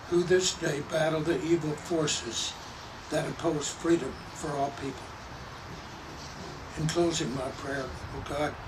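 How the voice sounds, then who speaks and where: A man giving a formal public prayer as clergy, in solemn, measured short phrases. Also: a little high. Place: public memorial ceremony. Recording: distant microphone, clearly noisy ambience.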